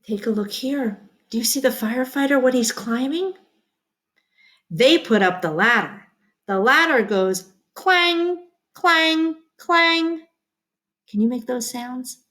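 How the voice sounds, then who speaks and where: A woman's voice: a little high, a little slow, a bit bright. A woman teacher reading a children's magazine aloud to young students, with playful sound effects and questions to her listeners.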